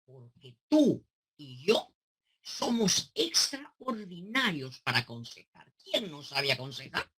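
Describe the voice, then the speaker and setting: Lively, husky-voiced woman psychoanalyst. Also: sits low, slow. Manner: animated, teaching through examples and rhetorical questions. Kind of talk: explaining to a caller on a talk show.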